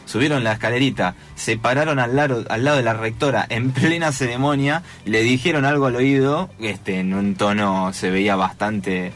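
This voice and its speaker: A man's voice: medium pitch, normal speed, few pauses, a bit bright. A man with a Rioplatense Spanish accent, a radio guest, telling a story in a hesitant way, with many fillers and restarts. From Argentina. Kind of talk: radio talk, recounting school events.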